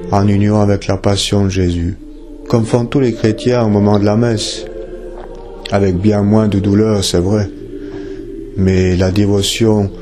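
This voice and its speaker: A man telling the life of a saint in a solemn, preacher-like way, over background music. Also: on the low side. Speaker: storyteller. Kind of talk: devotional storytelling of a saint's life. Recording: music playing behind.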